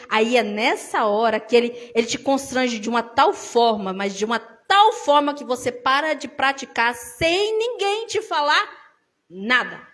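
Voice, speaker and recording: A woman's voice: high-pitched, a bit bright. A woman with a Brazilian accent preaching an informal church sermon, chatting with the congregation and telling personal stories. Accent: Brazilian Portuguese. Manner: conversational, tells personal stories, addresses the congregation as brothers.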